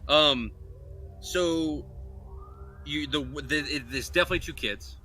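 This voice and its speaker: A young man running a tabletop game as dungeon master, narrating scenes in a halting way with many restarts. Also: a little high, pushed and bright, a little hiss or hum.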